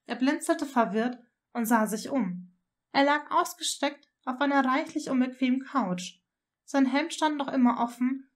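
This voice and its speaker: A woman narrating a fanfiction audiobook with expressive storytelling. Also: fairly high pitch. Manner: expressive storytelling, voicing each figure. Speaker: audiobook reader.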